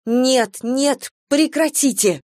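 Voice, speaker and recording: A woman's voice: mid-range voice, lively intonation, normal speed, dry recording, studio quality, close to an everyday voice. A woman voicing a proud, hot-tempered young farm mistress who speaks heatedly in a radio play. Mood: indignant. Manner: heated, insistent.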